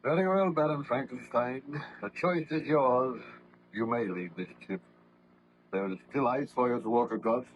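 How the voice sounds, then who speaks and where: An actor playing a grave, dutiful ship's captain in formal, earnest old-time radio drama style. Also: male voice, medium pitch, normal speed, lo-fi sound, close to an everyday voice. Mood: reluctant, grave. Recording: noisy vintage radio drama recording.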